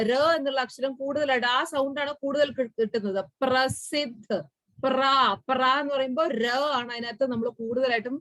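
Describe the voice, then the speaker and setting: A woman with a Malayali accent teaching a school Hindi lesson online, repeating words slowly and sounding out each syllable. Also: high-pitched, dry recording, poor audio. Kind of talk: online class explanation.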